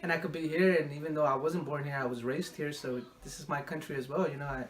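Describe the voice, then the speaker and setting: A young man from Mexico answering interview questions in a casual, halting way, often repeating words while he thinks. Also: on the high side, fairly even intonation.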